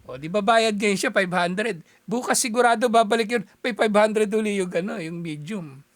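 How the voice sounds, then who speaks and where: Animated Filipino man telling stories. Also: high voice, moderate pace, no room sound. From Philippines. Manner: animated storyteller, chuckles often, acts out quoted exchanges. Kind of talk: casual explanatory talk.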